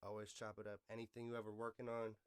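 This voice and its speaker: Clean studio sound with no echo carries this American host's lowish, smooth, monotone voice as he talks fast. His podcast chatter is loose and unscripted, peppered with slang, swearing and personal opinions.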